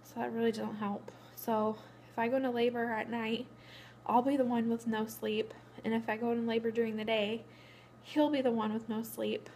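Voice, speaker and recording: A woman's voice: fairly high pitch, level tone, moderate pace, a little mellow, a little hiss or hum. A young pregnant woman, out of breath, rambling through a matter-of-fact casual vlog update. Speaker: vlogger. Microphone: phone camera.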